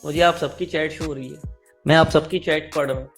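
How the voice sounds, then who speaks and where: A middle-aged man teaching a live online marketing class. He explains each step slowly and keeps asking his students if it is clear. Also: on the high side, fairly even intonation, faint music behind.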